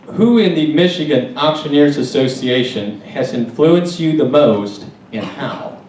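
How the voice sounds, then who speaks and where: A man's voice: fairly high pitch, expressive, a little slow, a little mellow, slight background noise. A man putting formal interview questions to a contestant. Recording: echoey hall, distant microphone.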